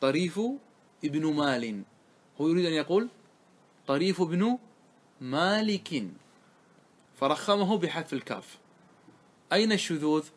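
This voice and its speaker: With an animated, high-leaning voice, a man explains a classical poem line by line in a grammar lesson. He quizzes his listeners and answers his own questions, easing his pace when quoting the verses.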